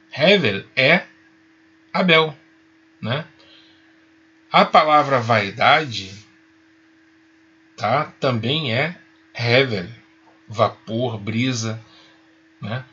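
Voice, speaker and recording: A man teaching a Hebrew lesson, patient and reassuring, spelling out each sound slowly. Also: medium pitch, expressive, bright, forceful tone, slightly rough, dull audio. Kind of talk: recorded online lesson.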